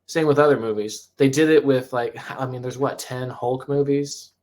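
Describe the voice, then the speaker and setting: A man in casual podcast chat, talking at a middle pitch. He tells his stories in a rambling, animated way, restarting his sentences often. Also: moderate pace. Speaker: podcast co-host.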